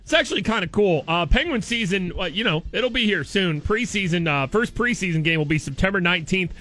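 An American man hosting a radio show, delivering an upbeat, informal contest promo in an excitable way and repeating himself for emphasis. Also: high-pitched, fairly quick.

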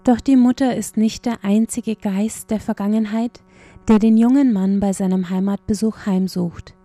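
A woman's voice: medium pitch, fairly even intonation, normal speed, warm tone, no room sound, faint music behind. A woman reading a scripted cultural report as a radio reporter.

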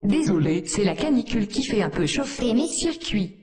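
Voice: mid-range voice, very animated, normal speed, a little mellow, natural voice. A performer voicing a sardonic female artificial intelligence that talks down to humans with cold contempt, in an echoey room. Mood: scornful.

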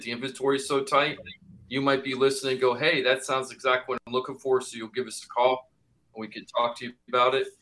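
A man's voice: medium pitch, pushed and bright. A man who is a regular co-host and real estate agent, chatting upbeat on a live radio show through a remote mic with strong reverb, like a big hall. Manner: upbeat and chatty, talks in quick asides. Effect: reverb, his mic sounds like a big echoey hall. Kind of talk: casual radio talk-show chat. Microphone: remote mic with audible reverb on a live radio broadcast. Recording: echoey remote feed on radio.

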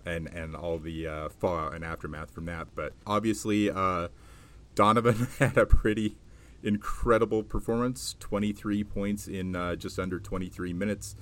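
A man hosting a sports podcast in a conversational way, with measured, wordy phrasing. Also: low-pitched, level tone, fairly bright tone. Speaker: podcast host and sports reporter.

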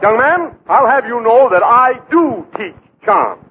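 A man's voice: extremely high pitch, very animated, measured pace, full character voice. An actor playing a pompous, fussy male etiquette professor in 1940s radio comedy. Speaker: pompous charm-school professor. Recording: tinny old radio broadcast with heavy hiss.

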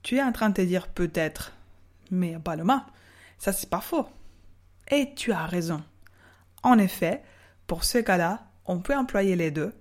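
A woman teaching Spanish on a podcast lesson, speaking slowly and drawing out model words for the listener to repeat. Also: lowish voice, expressive, darkish tone. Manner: slow, carefully spelled-out model words for repeating.

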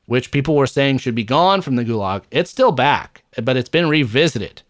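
A man's voice: medium pitch, animated, moderate pace, no room sound. Blunt, profane man on a dry mic. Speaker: podcast co-host. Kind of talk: casual gaming podcast chat.

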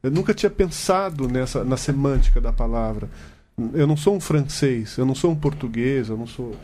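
A man's voice: medium pitch, expressive, fairly quick, dark tone, a little hiss or hum. A man from Brazil hosting a casual roundtable discussion, reflective and agreeable while arguing his point.

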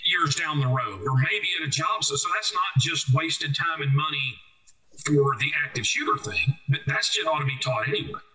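A man with an Arkansas Southern accent speaks in a bright, forceful, slightly high-set voice. He explains things like an experienced trainer in an interview, plain-spoken and emphatic, hammering key points by repeating them. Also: moderate pace, rough recording. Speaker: guest expert, trainer who speaks to schools and police.

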